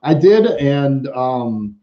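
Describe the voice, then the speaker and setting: A man hosting a casual live Q&A, reading viewer comments aloud with frequent halting restarts. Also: medium pitch, very animated. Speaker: livestream host. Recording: roomy, dull lo-fi livestream audio.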